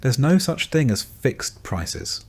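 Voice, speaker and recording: A man narrating a scripted bedtime story in a calm, gentle second-person voice. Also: medium pitch, slow pace, husky.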